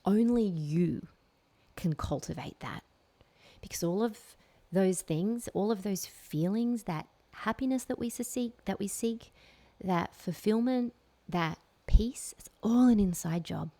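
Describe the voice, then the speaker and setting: A woman hosting a reflective solo podcast, speaking slowly and emphatically and repeating key phrases. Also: mid-range voice, mellow. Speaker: podcast host.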